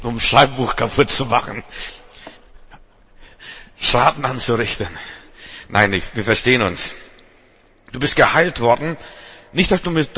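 Husky bright-voiced German-speaking preacher. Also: male voice, a little high. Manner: emphatic, repeats key phrases, slows for refrains, humorous asides. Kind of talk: evening sermon to a congregation.

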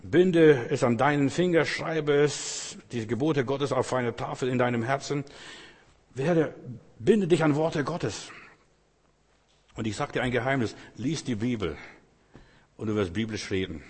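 Male preacher, earnest and fervent, husky tone, long hall echo. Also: medium pitch, unhurried, pauses often. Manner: earnest, rises to loud fervent prayer. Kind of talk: sermon.

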